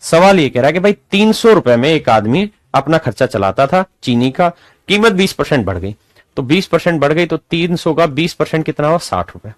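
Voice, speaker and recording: A man's voice: a little high, big pitch swings, a little fast, no echo. Folksy Hindi-speaking male math teacher. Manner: folksy, addresses students as his dear children; asks frequent check questions. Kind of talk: classroom math lesson.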